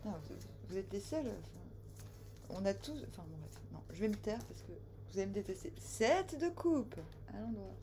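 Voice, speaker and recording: A woman giving a casual tarot reading who talks straight to her viewers, joking, teasing and scolding them, with sudden loud bursts and quiet asides. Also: mid-range voice, expressive, normal speed, a little hiss or hum. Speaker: tarot reader.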